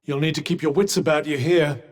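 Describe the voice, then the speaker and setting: A man's voice: on the high side, steady tone, fairly quick, lightly acted. A British man playing a sardonic, erudite sentient magical cuff in a video game, speaking formally with dry condescension. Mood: dry, resigned. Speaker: video game companion character. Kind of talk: scripted video game dialogue. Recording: long echoing reverb.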